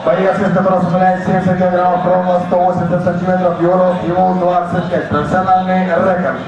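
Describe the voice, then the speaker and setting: A man working as a ring announcer, introducing fighters formally and ceremonially with drawn-out names. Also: high voice, flat delivery, far from the mic, highs cut off. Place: large indoor fight hall. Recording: echoey hall from afar, crowd noise. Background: crowd noise.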